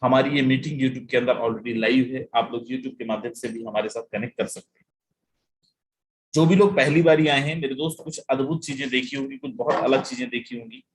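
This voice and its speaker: A man's voice: medium pitch, fairly quick, a little hiss or hum. A man presenting a live sales webinar, emphatic and full of rhetorical questions, often mixing in English phrases and calling listeners "my friend".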